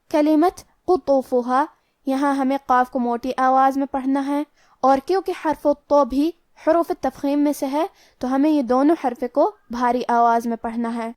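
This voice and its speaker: Woman recitation teacher with a high, dry voice, patient and explanatory, stretches out each word when she demonstrates it. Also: darkish tone, no echo. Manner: slow, careful recitation of Arabic words between explanations. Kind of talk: tajweed lesson explaining pronunciation rules.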